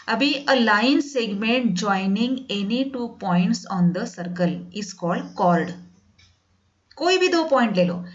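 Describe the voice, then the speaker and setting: A woman teaching a math class, patiently repeating each definition slowly and addressing her students as "beta". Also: fairly high pitch. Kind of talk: classroom lesson in Hindi with English definitions. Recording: dull lo-fi sound.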